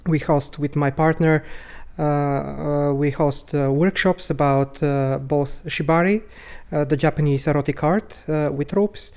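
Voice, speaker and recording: A man from Bulgaria, speaking as a podcast guest in a hesitant, halting way with many filler sounds. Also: fairly high pitch, fairly even intonation, darkish tone. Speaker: podcast guest, rope bondage instructor. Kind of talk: casual conversational interview.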